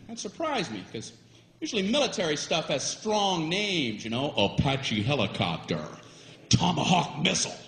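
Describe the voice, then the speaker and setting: A man's voice: on the high side, fairly bright tone, echoey room, rough recording. A male stand-up comedian with a wry, incredulous delivery who acts out the characters in his jokes. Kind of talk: stand-up routine.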